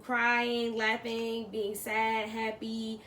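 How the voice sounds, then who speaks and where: A woman co-hosting a casual vlog chat, telling her own story in an animated way and laughing often. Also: a little high, extremely slow, echoey room, distant mic, a little hiss or hum. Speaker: co-host of a couple's vlog.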